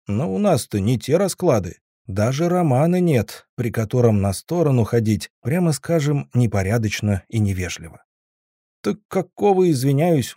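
A man's voice: mid-range voice, dark tone, dry recording, studio quality. A man narrating a first-person audiobook in a wry, ironic, colloquial manner.

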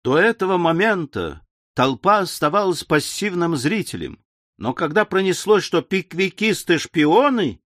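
A man narrating a comic classic novel as an audiobook, telling it with expressive energy. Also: high voice, unhurried, no room sound, clean studio sound. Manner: expressive, animated storytelling.

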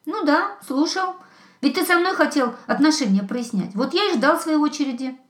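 Woman doing a blunt cheeky hare, high-ish voice, storybook. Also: expressive, moderate pace, reverberant.

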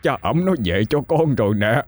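A man's voice: mid-range voice, lively intonation, moderate pace, dry recording, pitched above the performer's own voice, natural voice. A man playing a sobbing old father. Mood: tearful. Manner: tearful, trembling pleading. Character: heartbroken older father, sobbing and pleading.

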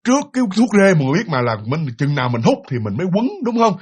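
A man's voice: fairly high pitch, sing-song, racing, slightly rough. A man telling a ghost story in a chatty way, speaking straight to his listeners. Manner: chatty, addresses listeners directly. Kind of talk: casual spoken ghost story.

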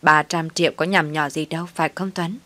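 A woman's voice: deep voice, steady tone, brisk, fairly bright tone, no echo. A woman voicing a scheming older mother-in-law who coaxes and complains. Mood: coaxing. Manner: coaxing then complaining.

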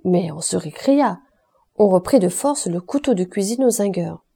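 A woman reading a classic novel aloud as an audiobook, in a steady, expressive manner. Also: mid-range voice, normal speed, vocal fry, husky. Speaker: audiobook reader.

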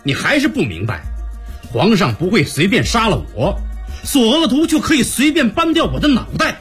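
A scheming court official. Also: male voice, fairly low pitch, very animated, moderate pace, breathy edge, faint music behind, heavily acted. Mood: lecturing. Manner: fawning to superiors, bitter and plotting. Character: scheming male court official, servile yet vengeful. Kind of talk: radio drama acting.

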